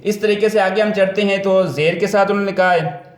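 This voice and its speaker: A man with a Pakistani accent talks parents and tutors through a first-grade reading book. His voice sits a little high, and the room has a noticeable echo. He is patient and repetitive, and he spells out letter sounds slowly. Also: fairly even intonation. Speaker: teacher. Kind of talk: explaining a textbook lesson to parents and tutors.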